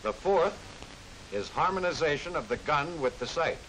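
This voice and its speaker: A man with an American accent narrates in the scripted style of a mid-century military training film. His voice sits a little high, and his phrasing is formal, measured and instructive. The old film soundtrack adds a light hiss. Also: animated, a bit bright. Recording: hissy, noisy vintage film soundtrack.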